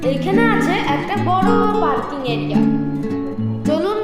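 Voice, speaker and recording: High-voiced woman in heavy room echo. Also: expressive, measured pace. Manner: chatty tour-guide narration, addressing viewers directly. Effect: heavy echo from an empty upstairs room. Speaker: vlogger. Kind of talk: home tour voice-over narration. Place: empty upstairs floor of a large house. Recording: very echoey room, loud guitar music. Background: loud plucked guitar music.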